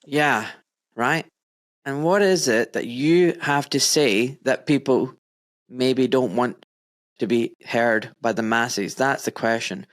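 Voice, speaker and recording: A man with a mid-range voice and a slow pace hosts a podcast over a remote call. His casual interview chat is animated, full of friendly slang and laughter.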